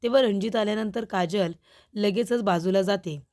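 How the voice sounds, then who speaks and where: A woman's voice: mid-range voice, normal speed. A woman narrating a TV serial recap, telling events and reading every character's lines herself. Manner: steady narration, reads all characters' lines.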